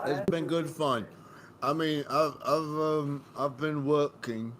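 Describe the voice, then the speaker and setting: A man chatting on a livestream in an animated, jokey way, full of fillers. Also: fairly high pitch, takes it slowly. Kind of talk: casual chat on a livestream.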